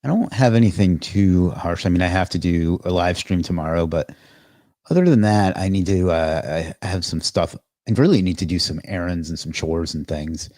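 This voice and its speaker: A man with a very low voice hosts a casual live stream. He rambles and greets viewers by reading out their comments. The sound is dry and close, with no room around it. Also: normal speed, dark tone, no room sound. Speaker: livestream host.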